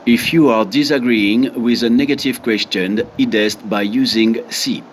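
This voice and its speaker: A man reading a French textbook lesson aloud, deliberate and reading out examples one by one. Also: mid-range voice, a little hiss or hum. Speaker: French teacher.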